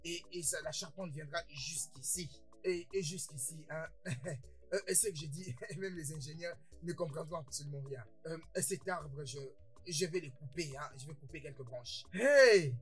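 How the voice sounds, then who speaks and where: An actor dubbing a boastful, excitable older brother in a French-dubbed film, who stammers and repeats words. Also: male voice, on the high side, moderate pace, soft background music, lightly acted. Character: boastful excitable older brother, newly rich, quick-tempered. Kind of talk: French dub of a Nigerian film.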